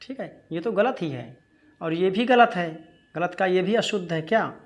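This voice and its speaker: Man teaching Hindi spelling, slightly high voice. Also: animated. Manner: asks and answers his own questions, repeats words slowly. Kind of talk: spelling lesson.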